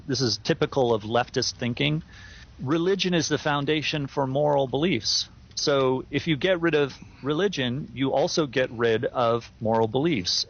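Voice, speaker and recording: Reading out listener email in a laid-back chat, a male podcast co-host offers firm opinions, stumbling through fillers and restarts. His voice sits at medium pitch with a fairly bright tone, captured in dull lo-fi audio.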